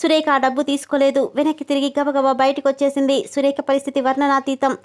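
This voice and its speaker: A woman narrating a novel as an audiobook in a steady storytelling way. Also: high voice, fast. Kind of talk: scripted narration.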